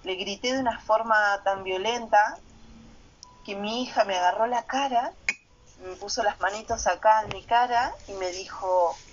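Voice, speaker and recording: A woman recounts her own experience in a reflective, unhurried way, pausing often with soft fillers. Her pitch sits in an ordinary middle range. The recording sounds dull and lo-fi. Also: a little hiss or hum. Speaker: woman sharing her personal story. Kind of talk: personal testimony.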